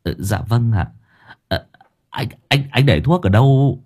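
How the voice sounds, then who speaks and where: A man's voice: mid-range voice, lively intonation, a little slow, a little mellow, pitched above the performer's own voice. A man voicing a frightened young male assistant who stammers nervously.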